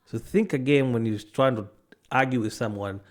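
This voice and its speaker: A man's voice: medium pitch, moderate pace. A man from Africa giving a ranting monologue to camera, arguing hard and firing off one rhetorical question after another. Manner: argumentative, fires off rhetorical questions; stops to check notes mid-rant, with restarts. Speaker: video commentator.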